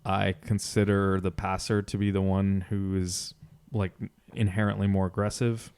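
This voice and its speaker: A man co-hosting a podcast gives casual sports recap commentary, explaining in a measured way and repeating phrases. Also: sits low, level tone, darkish tone, clear, resonant tone. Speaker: podcast co-host.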